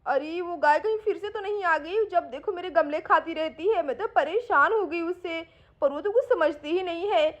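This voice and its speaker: A woman's voice: very high voice, moderate pace, muffled recording. A woman voicing a fussy village aunt in a doll story, fretting and complaining. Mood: fretful.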